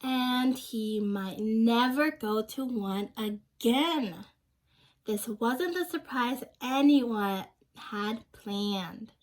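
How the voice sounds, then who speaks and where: In a low-quality recording, a high-voiced young woman reads a children's picture book very slowly. She often stops to pose questions to the kids listening and explain things in plain words.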